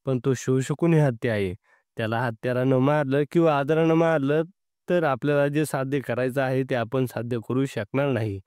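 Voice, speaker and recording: A man reading the lines of a thoughtful male spy hiding in an enemy camp, calm and plotting, in a storybook narration. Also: mid-range voice, moderate pace, clear, resonant tone, no echo, studio quality, close to an everyday voice. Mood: scheming.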